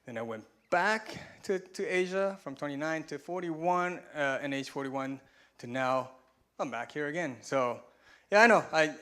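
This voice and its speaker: A Taiwanese man in his forties delivers a chatty, self-deprecating talk from a conference room stage, using slides and chuckling at his own jokes. His voice sits a little high, with a measured pace and a sharp tone.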